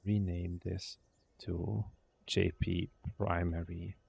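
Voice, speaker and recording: Speaking slowly in a low, husky voice with vocal fry, this young Dutch-born man keeps a level tone and a darkish sound. He's an indie game developer on a casual stream, thinking out loud, muttering, trailing off and occasionally cursing.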